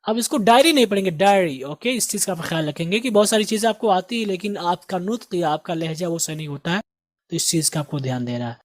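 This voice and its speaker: A man teaching English as a host of an online lesson, with an Indian Urdu accent, drilling vocabulary by repeating each word slowly. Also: high voice, dry recording. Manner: drills words with slow repeated pronunciation. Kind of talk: recorded lesson.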